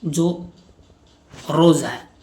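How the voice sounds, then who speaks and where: A man with an Indian accent teaching English grammar in a lecture, reading English example sentences slowly and explaining them in Hindi. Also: on the high side, dark tone. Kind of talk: classroom lecture.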